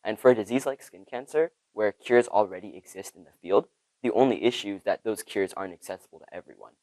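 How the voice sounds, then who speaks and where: Quick-talking teenage boy. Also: on the low side, a little mellow, dry recording, low-quality recording. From Ethiopia. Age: teens. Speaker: student inventor. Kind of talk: interview answers.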